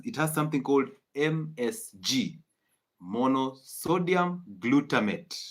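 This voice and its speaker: A man's voice: on the high side, fairly bright tone. A man giving a live-streamed health lecture, emphatic and preachy, repeating his key points. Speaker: health educator.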